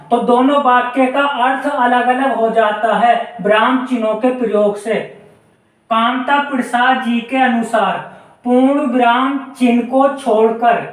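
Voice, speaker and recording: A teacher giving a step-by-step grammar lesson for exam preparation. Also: mid-range voice. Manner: explains step by step, pointing to the board. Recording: echoey room, voice far from the mic.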